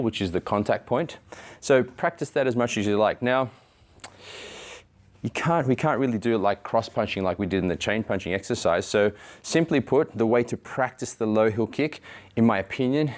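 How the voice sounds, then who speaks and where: A man's voice: mid-range voice, a little mellow. A man in his thirties giving an instructional martial arts demonstration, explaining it step by step. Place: indoor training studio. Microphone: lapel mic.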